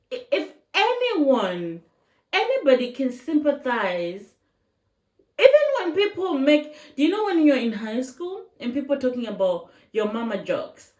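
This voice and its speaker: Reacting to online videos, this vlogger offers casual opinions with emphasis, circling back to the same points and posing rhetorical questions. She has a high voice and is far from the mic, so the sound is roomy and echoey.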